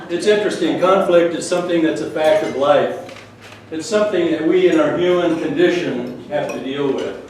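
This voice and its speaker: A man with a loud, powerful voice giving a speech to a club audience and putting rhetorical questions to them. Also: fairly high pitch, slight background noise. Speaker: speaker. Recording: echoey room, from far off.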